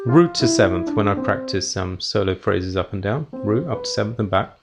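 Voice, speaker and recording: A man's voice: lowish voice, expressive, moderate pace, creaky. A man from the UK teaching a jazz lesson, explaining technique and counting beats aloud while playing piano. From United Kingdom. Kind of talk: music lesson.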